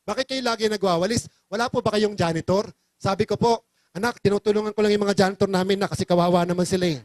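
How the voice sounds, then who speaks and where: A man's voice: sits high, no room sound. A middle-aged man from the Philippines giving an emotional, pleading testimony speech at a business forum and rousing the crowd.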